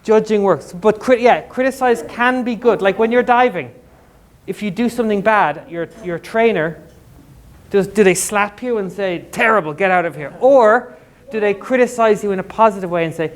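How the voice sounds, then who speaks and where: A male English teacher in a school classroom, explaining words to students with quick, jokey everyday examples. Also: high-pitched.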